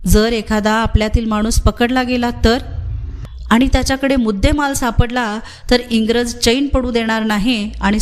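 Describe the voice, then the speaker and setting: Woman reading a novel in measured tones. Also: fairly high pitch. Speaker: narrator. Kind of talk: scripted narration of a novel.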